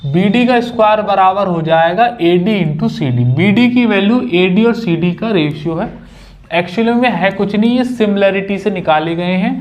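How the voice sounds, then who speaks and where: A man's voice: sits high, muffled recording. A young man teaching a maths lesson at a whiteboard, chatty and casual, joking with his students.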